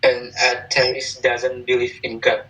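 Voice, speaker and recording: A man reads exercise answers in an online English lesson, very slowly and haltingly. His delivery is flat and monotone. He sounds distant from the mic over the video call. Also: mid-range voice. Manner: slow, halting reading aloud. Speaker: student. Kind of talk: online class participation.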